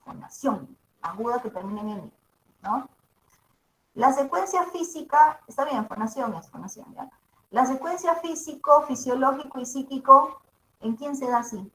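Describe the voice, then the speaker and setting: A woman's voice: high-pitched, lively intonation, moderate pace, fairly bright tone. A woman teacher with a mezzo-soprano voice gives a classroom lecture, checking in with her students after each point. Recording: echoey room.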